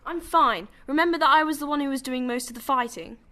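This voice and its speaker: A cocky, defiant young heroine, played by a woman, with a high, bright voice. She is brisk and assertive, in sci-fi radio drama style. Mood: matter-of-fact. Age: young adult. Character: bold, defiant, cocky young adventurous niece.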